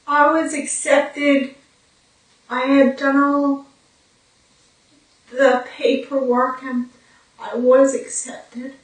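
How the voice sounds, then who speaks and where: A woman, telling her story as a brain injury survivor in a documentary interview, speaking in a halting way with pauses. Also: high voice, little pitch movement, recorded from a distance. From Newfoundland, Canada. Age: 40s. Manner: slow, halting, with pauses and fillers. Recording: echoey room, voice from off-mic.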